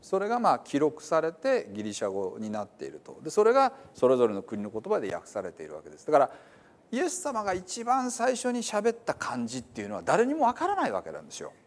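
A pastor preaching in church explains Bible translation in a conversational, explanatory way, full of fillers. His voice is a little high with huge pitch swings, and he talks fast.

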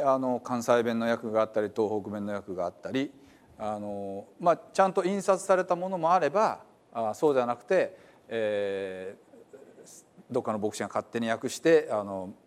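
Male pastor, conversational sermon delivery, lively pitch, plenty of fillers. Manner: conversational, explanatory, many fillers. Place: church.

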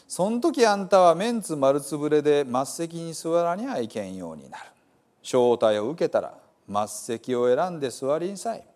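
A man with a Hiroshima dialect voicing Jesus as a calm male teacher telling parables. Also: a little high, moderate pace, voice pushed up. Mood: teaching.

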